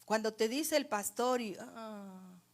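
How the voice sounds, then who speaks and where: Emphatic woman preacher, soft to loud. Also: a little high, slow pace. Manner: repetitive address to the congregation as brothers; swings from soft near-whispers to loud emphatic lines. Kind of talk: sermon.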